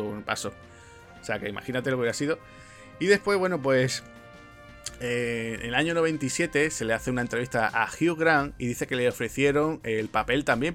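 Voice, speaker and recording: Man, chatty podcast host, mid pitch, faint music underneath. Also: fairly bright tone. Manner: chatty storyteller, frequent fillers and asides. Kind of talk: casual film podcast chat.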